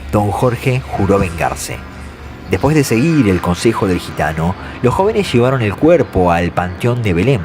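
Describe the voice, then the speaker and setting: A man narrates scripted horror legends in a measured storytelling way. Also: low voice. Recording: faint music behind the voice. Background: soft background music.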